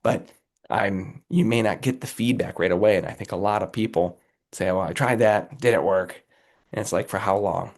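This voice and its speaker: A man with a cold and a raspy voice, a company executive giving earnest, motivational answers as a guest in an interview, often checking in with "right?". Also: fairly low pitch, normal speed. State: has a cold, under the weather.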